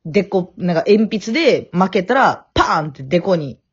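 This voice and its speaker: Young kansai woman bantering on a podcast call, husky voice, pitch jumps all over, kinda dull lo-fi sound. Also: animated. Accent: Kansai Japanese. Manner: teasing, quick banter. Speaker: podcast co-host. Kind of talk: casual chat. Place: at her family home. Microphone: remote call. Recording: dull lo-fi audio.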